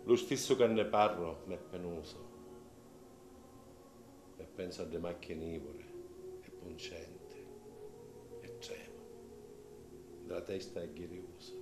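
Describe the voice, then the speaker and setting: A man with a Sicilian accent gives a theatrical recitation of dialect poetry, swinging between hushed and loud delivery. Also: deep voice, takes it slowly, long pauses. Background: music.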